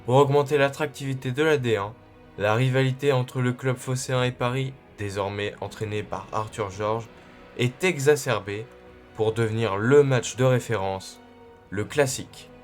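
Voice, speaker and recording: A man's voice: mid-range voice, normal speed. A man reading scripted documentary narration as the narrator of a sports history. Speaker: narrator of a football club history. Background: music.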